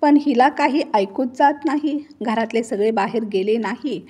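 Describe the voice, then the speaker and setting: Woman reading as a nagging older mother-in-law, taunting, slightly high, husky. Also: steady tone, normal speed, dark tone. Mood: scolding. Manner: scolding, taunting. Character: sharp-tongued older mother-in-law, always grumbling.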